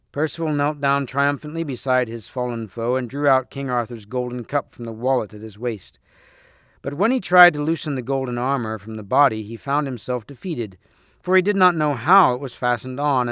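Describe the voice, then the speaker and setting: A man reading a storybook aloud to students, steady with small slips and restarts. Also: mid-range voice, dry recording, studio quality. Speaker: reader.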